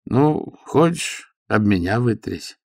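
A man's voice: fairly low pitch, big pitch swings, slow, gravelly, a little mellow, no room sound, clean studio sound, pitched above the performer's own voice, full character voice. A man doing a sly, mock-innocent stoker monk.

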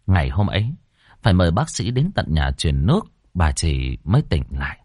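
A man reading a ghost story in a dramatic, expressive way. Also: deep voice, normal speed, no echo, studio quality. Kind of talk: scripted ghost story narration.

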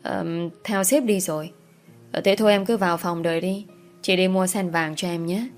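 A woman's voice: on the low side, steady tone, moderate pace, soft background music, close to an everyday voice. A woman voicing a flustered, soothing female secretary who talks hesitantly with fillers.

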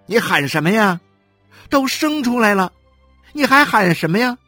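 A woman voicing a brisk, matter-of-fact midwife urging a mother to push in an audiobook. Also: medium pitch, sing-song, a bit bright, no echo, soft background music, voice pushed up. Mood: brusque urging. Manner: curt, urging, no-nonsense.

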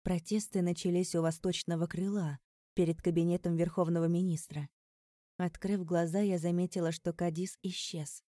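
Low, dark-voiced woman reading an audiobook. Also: no room sound, clean studio sound. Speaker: audiobook narrator. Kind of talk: first-person audiobook narration.

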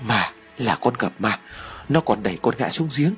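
A man's voice: lowish voice, expressive, moderate pace, fairly bright tone, soft background music. A man voicing a frightened young village man who stammers in confusion. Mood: shaken.

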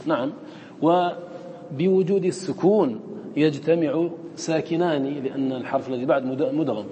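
A man teaching Quran recitation to students. He chants the recited words slowly between quicker explanations and checks in with short questions. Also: on the high side, mellow, in a large hall, slight background noise.

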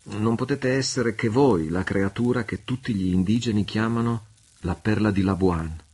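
A fierce pirate prince from an adventure novel, smitten and brooding, voiced by a male reader. His voice is deep and slightly husky. He keeps it low and muffled, intense rather than loud. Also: moderate pace.

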